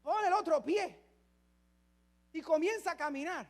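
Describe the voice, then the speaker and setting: A man preaching a sermon as a pastor, chatting with humor, then dropping to hushed asides and rising to shouted climaxes. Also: very high-pitched, a little slow. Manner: conversational and humorous with the congregation.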